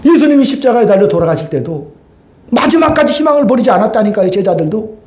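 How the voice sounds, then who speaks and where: A male pastor preaching a sermon, telling the story with lively rhetorical questions and acted-out voices. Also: sits high, quick pace. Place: church sanctuary. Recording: echoey church hall.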